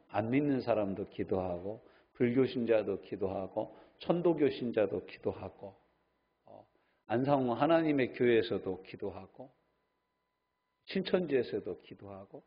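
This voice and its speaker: A man preaches a Sunday sermon, his pitch rising and falling as he fires questions at the congregation. His voice has a husky edge. The church recording sounds dull and lo-fi. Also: lively intonation, unhurried. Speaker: pastor. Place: church sanctuary.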